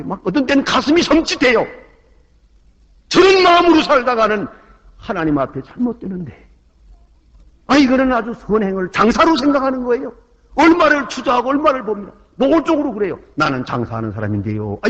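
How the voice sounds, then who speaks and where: A man's voice: very high-pitched, expressive, fairly quick. Impassioned male pastor on an old tape. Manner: impassioned, swings from loud exclamations to hushed asides; acts out quoted voices in the story. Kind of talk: sermon. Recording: dull lo-fi 1998 sermon tape.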